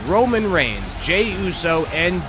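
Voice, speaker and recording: Higher-pitched man doing wrestling game commentary. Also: very animated, takes it slowly, music in the background. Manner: chatty, self-deprecating, improvised. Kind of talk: excited play-by-play commentary on a video game.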